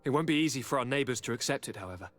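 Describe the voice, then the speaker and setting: An actor voices a charming, eager young nobleman who serves as governor in a video game, speaking in a courtly, theatrical and affectionate style that sounds fascinated and keen. His mid-range voice is expressive, racing and a bit bright, close to everyday speech. The recording has a reverberant hall sound with music underneath.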